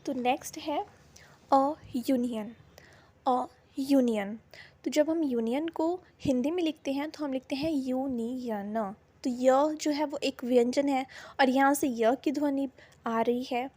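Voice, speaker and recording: A woman teaches English grammar at a slow, careful pace. Her voice sits high and light. She says each example word twice, deliberately. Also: a little mellow. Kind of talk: explaining a lesson in Hindi.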